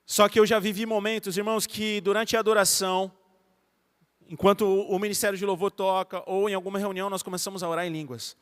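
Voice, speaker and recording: A man with a Brazilian accent delivers a fervent evangelical sermon, his fairly high voice moving between hushed and loud stretches. The sound carries a long reverb from the church hall around him. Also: little pitch movement, fast talker, clear, resonant tone. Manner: fervent preaching, swinging from soft to loud. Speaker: pastor.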